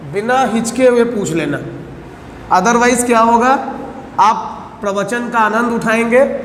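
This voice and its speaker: A male teacher giving a classroom lecture, switching between Hindi and English, repeating phrases and checking often whether students understand. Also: high-pitched. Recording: echoey classroom with faint background noise.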